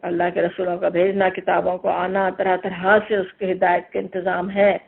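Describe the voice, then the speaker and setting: A Quran teacher delivers a commentary lesson, unpacking each verse word by word and pressing hard on the key points. The voice is husky, with a gravelly edge. It comes through thin and tinny, like a phone line. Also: medium pitch, monotone. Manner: explains verses word by word, emphatic.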